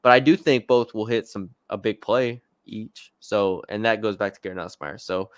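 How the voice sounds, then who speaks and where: A man's voice: fairly low pitch, moderate pace, no echo, clean studio sound. A man co-hosting a sports podcast, chatting casually about football picks with fillers and restarts. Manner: conversational, hesitant with fillers and restarts.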